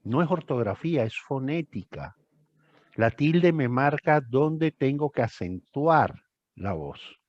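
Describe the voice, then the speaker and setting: A man's voice: medium pitch, expressive, slow pace, darkish tone, no echo, lo-fi sound. An older man tutoring a student one on one, emphatic and repeating phrases for stress. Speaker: thesis tutor.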